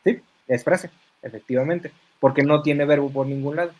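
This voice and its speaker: A man lectures in an online class, his voice sitting a bit high for a man. He explains patiently, pausing on fillers and checking that his students follow along. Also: fairly even intonation, dull audio. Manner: hesitant fillers between phrases. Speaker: teacher.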